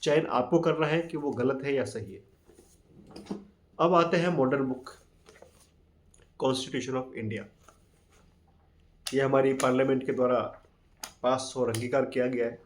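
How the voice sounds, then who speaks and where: A man hosting a talk, reading scripture verses aloud slowly and then explaining them in plain with mixed in. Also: medium pitch, steady tone, a little hiss or hum. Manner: reads quotes slowly, then explains in plain Hindi with English words. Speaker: channel host explaining a scripture.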